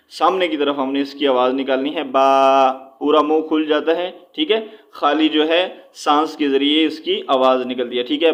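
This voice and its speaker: Brief: male recitation tutor, slightly higher pitch, repetitive and patient, drawn-out demonstrations. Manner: repeats points, checks in with frequent "okay"; slows right down to demonstrate sounds. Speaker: Quran recitation teacher. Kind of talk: spoken lesson.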